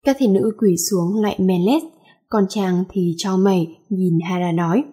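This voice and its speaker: A woman reading a romance story aloud in a steady, even narrating voice. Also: fairly low pitch, moderate pace, breathy edge.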